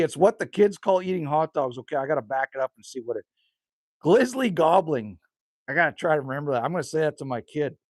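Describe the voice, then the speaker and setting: Reading the chat aloud, a livestream host in his 50s rambles casually with viewers from outside a rural cabin. His voice sits on the high side, and the recording is dry.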